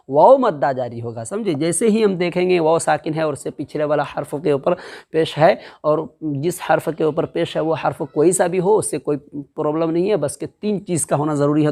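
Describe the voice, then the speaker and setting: A man teaching Quran reading in a step-by-step lesson. He, drills the syllables slowly and asks and answers his own questions. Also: fairly high pitch, a little mellow.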